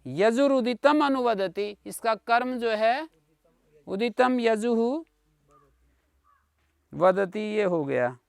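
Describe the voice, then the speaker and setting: A man's voice: very high-pitched, lively intonation, slow, gravelly, long pauses, clean tone, no room sound. A man teaching Sanskrit grammar in an online class, patiently explaining and checking in with his students. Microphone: video call.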